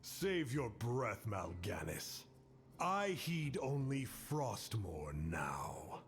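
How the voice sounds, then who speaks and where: An actor playing a grim, obsessed warrior prince in a video game, gravelly, brooding and dramatic. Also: male voice, mid-range voice, very animated, extremely slow, exaggerated voice. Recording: very loud game music behind.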